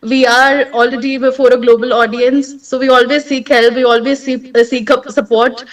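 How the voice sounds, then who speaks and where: A young Indian woman co-founder speaking earnestly over a remote link. Her voice sits high and sounds distant from the mic. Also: level tone, normal speed. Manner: earnest, heartfelt. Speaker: startup co-founder. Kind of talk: remote presentation.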